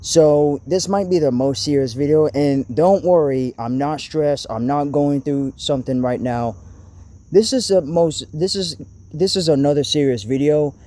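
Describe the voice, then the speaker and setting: Young guy ranting into his camera, slow and stumbly, keeps restarting, mellow kinda high voice. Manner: halting, stuttering, restarts sentences. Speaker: channel host. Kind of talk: casual vlog rant to camera. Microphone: camera mic.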